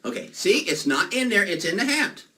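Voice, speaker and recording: A male magician at a kids' party delivers playful, exclamatory patter to children in a higher, sing-song voice at a moderate pace. The recording is noisy and sounds distant.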